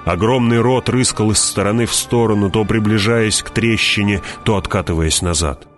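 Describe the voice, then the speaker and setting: A man narrating an audiobook in a measured, dramatic way, dropping his voice and slowing down at tense moments. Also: soft background music. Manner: measured, drops voice low and slows on tense moments.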